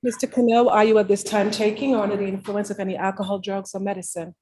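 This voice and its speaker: A woman's voice: mid-range voice, level tone, fast, a little mellow. A woman acting as court clerk, reading formal questions and oaths to defendants in a plea hearing.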